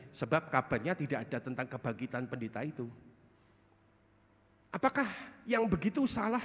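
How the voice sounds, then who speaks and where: A male pastor preaching a sermon in a church hall, animated storytelling and acting out quotes. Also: high-pitched. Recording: long church hall reverb.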